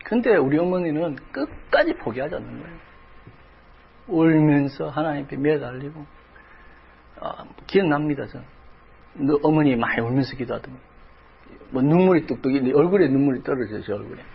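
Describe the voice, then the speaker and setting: A man's voice: on the high side, expressive, moderate pace, vocal fry, pauses often, husky, lo-fi sound. A middle-aged male pastor preaching a sermon, telling a personal story with emotion that rises toward crying out in prayer. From South Korea.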